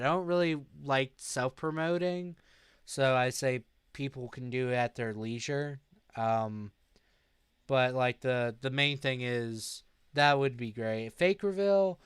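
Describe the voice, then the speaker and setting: Sleepy slow-talking young man streamer. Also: medium pitch, fairly bright tone, clean tone, no room sound. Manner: slow, sleepy, reads chat aloud. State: sleep deprived. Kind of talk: casual live-stream chat.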